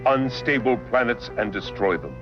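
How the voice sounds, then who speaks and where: A man's voice: medium pitch, animated, normal speed, lightly acted. A man performing solemn, portentous narration for a science-fiction film trailer. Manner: grave, portentous. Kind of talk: dramatic scripted trailer narration. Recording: dull lo-fi film trailer audio. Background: loud music.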